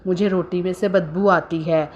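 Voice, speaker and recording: A woman's voice: lowish voice, steady tone, moderate pace, darkish tone, lo-fi sound, slight background noise, lightly acted. A pregnant young married daughter, as a woman storyteller voices her, whining to her mother. The complaint comes out in a plain, everyday voice. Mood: complaining.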